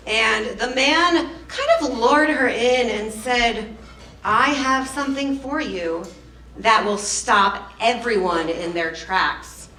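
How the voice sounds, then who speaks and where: A woman's voice: a little high, sharp tone, a little hiss or hum. A woman hosting a live burlesque show, chatting with the crowd in playful, teasing stage banter. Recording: echoey live venue, distant microphone.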